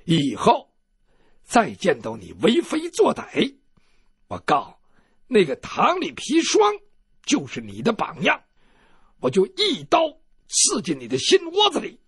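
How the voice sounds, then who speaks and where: A male storyteller voicing a quick-tempered young heroine who speaks bluntly. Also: high-pitched, huge pitch swings, a bit bright, slightly rough, dry recording, clean studio sound, exaggerated voice. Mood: brusque. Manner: blunt, brusque. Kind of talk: traditional Chinese storytelling.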